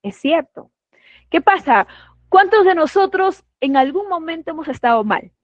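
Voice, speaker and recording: High-voiced Peruvian woman teaching nursing. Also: lively intonation, no room sound, lo-fi sound. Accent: Peruvian Spanish. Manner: acts out patients and staff in quick put-on voices; asks the class questions and affirms their comments. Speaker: nursing instructor. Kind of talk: online class lecture.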